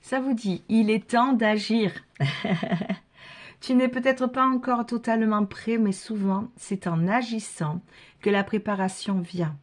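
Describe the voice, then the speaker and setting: A soft-spoken woman doing a spiritual card reading and leading a prayer. She whispers asides to herself and repeats her thanks and prayers slowly. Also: a little high, fairly even intonation.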